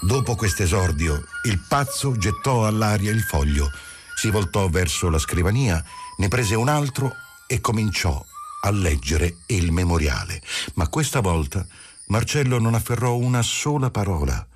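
A man narrating a literary novel as an audiobook reader, measured and expressive. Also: lowish voice, music in the background.

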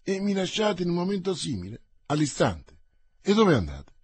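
A fretful woman innkeeper in a storybook, pleading and worried, as a male narrator puts her on. The voice is raised a little and swings around a lot. It has a husky grain in a dry, close sound. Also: sits high, huge pitch swings, moderate pace, darkish tone, voice pushed up, heavily acted. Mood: anxious.

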